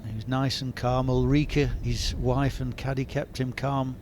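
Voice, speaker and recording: A male golf commentator calls the play live, reacting shot by shot. His voice sits at a medium pitch, with faint noise from the course behind him. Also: flat delivery, normal speed, darkish tone.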